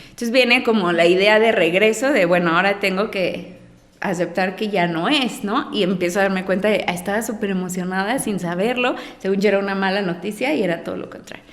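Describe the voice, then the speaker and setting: A woman's voice: mid-range voice, a little fast, long reverb tail. A Mexican woman in her thirties telling a personal story in a podcast conversation, chatty, with many fillers and tag questions.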